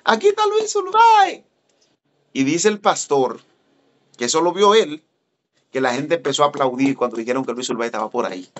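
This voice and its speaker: A man, an evangelist telling a story in a sermon and speaking straight to his listeners. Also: fairly quick. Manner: animated, addresses listeners directly, voice jumps high when excited. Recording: dull lo-fi recording.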